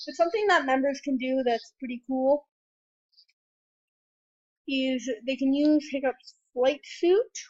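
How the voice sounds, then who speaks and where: A woman talking casually through a video game walkthrough, chatty and unsure, with lots of ums and self-corrections. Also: a little high. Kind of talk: casual gameplay commentary. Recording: dull lo-fi voice over loud game music.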